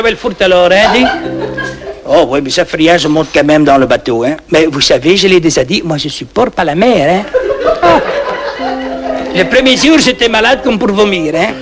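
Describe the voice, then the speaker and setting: A man's voice: fairly high pitch, natural voice. A man doing a boastful Flemish peasant. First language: Dutch. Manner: rambling, peppered with "hein" and Flemish oaths. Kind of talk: comic monologue in broken French. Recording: old 1960s record with music.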